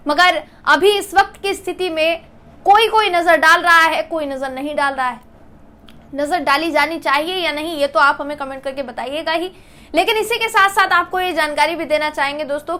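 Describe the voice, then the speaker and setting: A woman news anchor with a high, bright voice, presenting the story earnestly. She explains the events to the audience and keeps calling the viewers her friends. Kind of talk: Hindi news presentation to camera.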